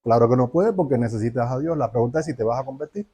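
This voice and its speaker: A man's voice: medium pitch, fast, dark tone, husky. A man preaching a sermon, asking rhetorical questions and acting out little dialogues.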